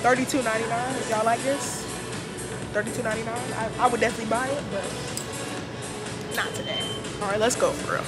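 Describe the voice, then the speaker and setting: A woman's voice: fairly high pitch, steady tone, quick pace, long pauses, loud music behind the voice. A young woman chatting playfully in slangy casual talk as she vlogs while shopping, filmed on a handheld camera. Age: young adult. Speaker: vlogger. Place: busy clothing store and grocery store, indoors. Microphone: handheld camera at arm's length.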